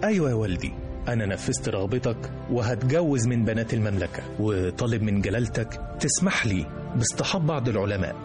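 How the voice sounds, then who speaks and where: A man's voice: fairly low pitch, expressive, fast talker, over music, close to an everyday voice. A man playing an ambitious, entitled young prince with an Egyptian accent in a radio drama. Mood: insistent.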